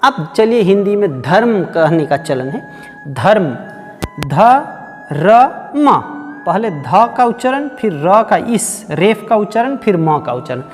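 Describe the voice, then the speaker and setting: A man teaching a Hindi grammar lesson for exam preparation. He repeats the sounds aloud, slowly and many times. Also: high-pitched, very animated, in a large hall, faint music behind. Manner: slow, repetitive, drills sounds aloud.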